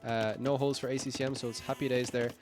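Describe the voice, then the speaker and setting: Worn croaky by a long stream, this esports caster still rambles upbeat through quick, live play-by-play, full of "uh" fillers and self-corrections. His mid-pitched voice holds a level tone with music underneath.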